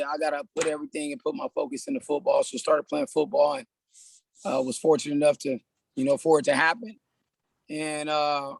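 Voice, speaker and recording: Speaking loosely on a podcast, this Californian trainer in his thirties has a somewhat high pitch with a gravelly texture, frequently saying "man" and starting his sentences over. It's a casual conversational interview, captured close and dry with no room sound and poor quality.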